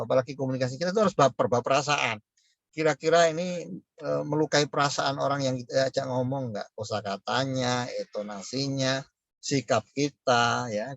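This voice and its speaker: A man's voice: a little high, no room sound. A man giving a business lecture over a video call, in a conversational way with frequent fillers and chuckles. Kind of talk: online lecture.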